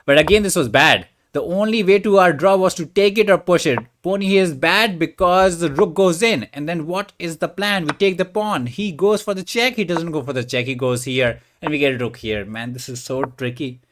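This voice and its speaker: A man's voice: moderate pace, few pauses, fairly bright tone. A young man giving playful, slangy live commentary on his own chess game as he plays. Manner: playful slangy commentary with big pitch swings. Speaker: chess streamer.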